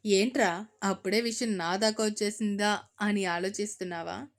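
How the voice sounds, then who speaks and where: A woman's voice: medium pitch, steady tone, moderate pace, close to an everyday voice. A woman voicing a middle-aged male friend in an audio story, speaking in a sly, mocking way.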